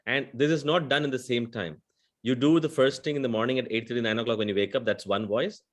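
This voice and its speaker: A conversational AI vendor executive with a South Indian accent and a medium-pitched voice talks fast in a webinar panel discussion. He explains things earnestly and often checks in with "right?"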